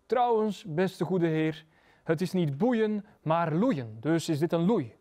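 A man's voice: a little high, animated, slow, mellow. A man voicing a bossy, exasperated angel. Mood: fussy. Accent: Flemish. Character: pompous flustered angel Gabriel, male adult.

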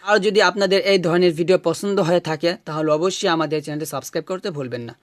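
A man teaching correct recitation, drawing out each word slowly and then explaining quickly in plain speech. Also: a little high. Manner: slow drawn-out recitation with quick spoken explanations. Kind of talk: recitation lesson.

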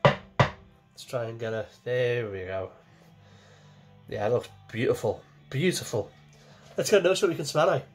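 A man's voice: mid-range voice, big pitch swings, moderate pace, pauses often, slightly rough, soft background music. A man in his forties, talking casually to camera from a small home kitchen as he reviews a beer, chatty and repeating himself as he goes.

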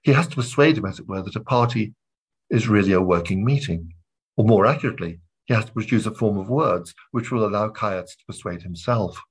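A male academic lecturing on literature in a measured, deliberate way. His voice sits low and carries a slightly husky grain throughout. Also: low-quality recording. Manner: measured, reads quoted passages aloud between comments. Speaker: literature professor giving a lecture.

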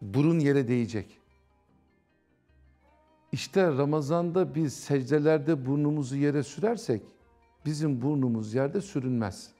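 Gravelly animated male TV preacher. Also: fairly high pitch, unhurried, pauses often, soft background music. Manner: animated, conversational, mimics others. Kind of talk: religious talk on TV.

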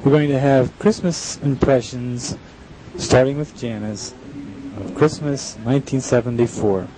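A man's voice: mid-range voice, measured pace, background noise. A middle-aged man, a father, introducing his children and asking them questions on an old home video tape.

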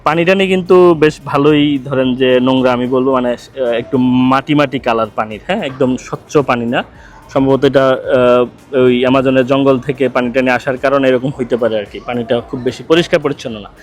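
A chatty man talks into a handheld phone camera, hesitant and full of fillers as he shows the sights. His voice sits at an average pitch, and faint music plays behind him. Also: fast talker. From Bangladesh. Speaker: vlogger. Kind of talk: casual travel vlog narration. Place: outdoors, then in a car.

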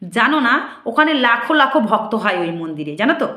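High-voiced indignant woman in an echoey room. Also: sing-song, brisk, pushed and bright. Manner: indignant, rhetorical questions to viewers. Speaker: temple priestess. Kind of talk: casual monologue to viewers.

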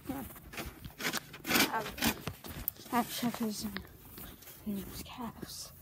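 Young woman with a high voice, slow halting talk, out at the barn at night on a handheld device, loud noise and animal sounds behind. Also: fairly even intonation, vocal fry. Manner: halting, talks to animals while doing barn chores. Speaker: vlogger. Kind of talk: casual chores vlog. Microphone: handheld device at arm's length.

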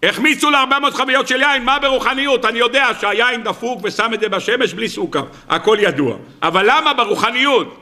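A man, a rabbi, giving a weekly sermon full of animated humorous stories with sudden jumps in his voice. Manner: animated storytelling with sudden pitch jumps and asides.

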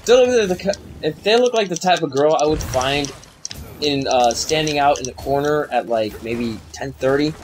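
A man's voice: fairly high pitch, expressive, normal speed, slight background noise, poor audio. A young man giving crude, rambling, self-mocking commentary while playing a video game. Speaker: gaming YouTuber. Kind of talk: casual let's play commentary.

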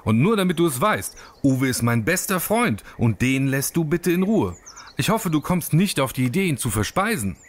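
A man voicing a small, timid male grey long-eared bat in an animated storybook film, talking in an anxious, pleading way. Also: a little high, normal speed. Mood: protective.

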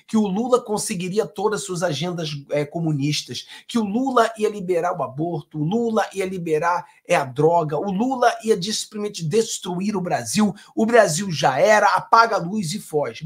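A man from Brazil giving combative, sarcastic political commentary over video clips. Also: sits high.

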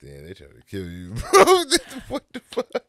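A man's voice: mid-range voice, huge pitch swings, unhurried, bright, forceful tone, no room sound, studio quality. A man co-hosting a casual podcast, teasing and laughing often.

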